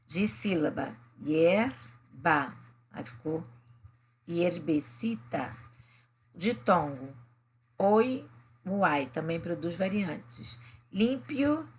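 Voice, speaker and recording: A woman's voice: lowish voice, a little hiss or hum. A woman with a Brazilian Portuguese accent, teaching a recorded remote class and explaining step by step, often checking in with short tag questions. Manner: slow explaining with frequent "né?" and "tá?" check-ins. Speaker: Spanish teacher.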